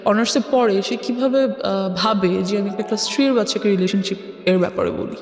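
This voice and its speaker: Medium in pitch and brisk in delivery, a woman with a Bangladeshi accent recounts her life story during an interview, weaving in English phrases. Music plays behind the echoey, reverberant sound.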